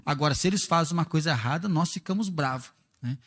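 A man's voice: fairly high pitch, quick pace, fairly bright tone, in a large hall. A father speaking in a conversational teaching talk, earnest and explanatory, often asking rhetorical questions. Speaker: father and church speaker on parenting.

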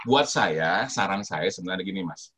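Man, self-deprecating advice-giver, very lively intonation, noisy recording. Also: low-pitched, normal speed. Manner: joking, self-mocking, animated storytelling. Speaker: show guest giving advice. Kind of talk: casual advice chat.

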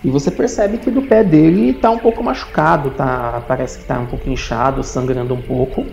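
A woman narrating as game master of a tabletop game, telling the story in a lively way. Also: rumbling low, fairly quick, vocal fry, soft background music. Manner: lively storytelling with animated rises. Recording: roomy, dull lo-fi sound.

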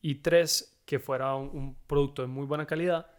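A man's voice: a little high, normal speed, smooth. Laid-back Costa Rican man. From Costa Rica. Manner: relaxed, says "mae" constantly, storytelling. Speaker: guest, tequila brand founder. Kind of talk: casual podcast chat.

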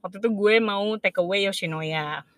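A woman's voice: mid-range voice, moderate pace. A young woman from Indonesia chatting casually, often agreeing and telling a travel story. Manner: relaxed, agreeable, many affirmations. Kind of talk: casual chat.

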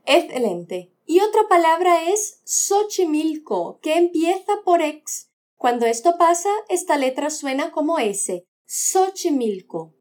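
A woman teaching a podcast language lesson, modelling words slowly and patiently for the listener to repeat. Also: very high-pitched, big pitch swings, a little mellow. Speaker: Spanish teacher.

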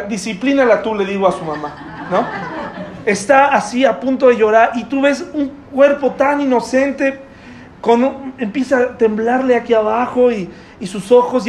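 A middle-aged pastor with a strikingly high voice delivers a conversational sermon, peppering it with rhetorical questions to his congregation. He sounds like he's speaking in a church hall, and the sound bounces around the room over a faint background hiss. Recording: echoey room with faint noise.

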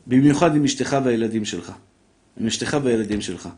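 A middle-aged man giving a lively Torah lesson, acting out voices in his stories and addressing his listeners fondly. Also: medium pitch. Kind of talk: lively sermon with anecdotes.

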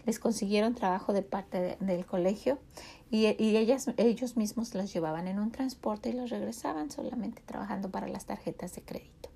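A woman's voice: mid-range voice, a little fast, creaky, mellow, breathy edge. A middle-aged woman with a Mexican Spanish accent giving a devotional sermon talk, earnestly questioning the listener directly.

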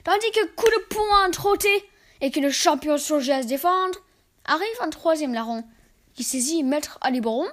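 High-voiced woman reciting verse fables. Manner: measured, expressive recitation. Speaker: reader.

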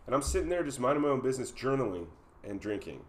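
A man's voice: medium pitch, sing-song, racing. A man hosting a casual chat, telling an anecdote in a laid-back, wry way.

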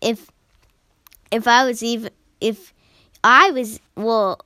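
A woman's voice: on the high side, steady tone, slow, pushed and bright, clear, resonant tone, no room sound, clean studio sound. A woman voicing a cheerful, chatty young male cat apprentice in a storybook reading.

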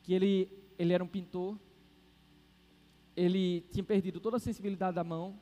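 A man's voice: sits high, little pitch movement, fairly quick, warm tone. A man preaching a sermon, telling a story animatedly with exclamations and acting out the dialogue. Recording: long reverb of a hall, faint music.

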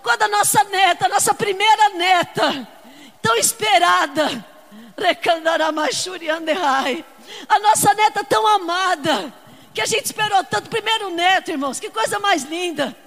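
A woman's voice: very high voice, moderate pace, gravelly, in a large hall. Fervent older woman preaching. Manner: fervent, shouting, breaks into speaking in tongues. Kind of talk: sermon.

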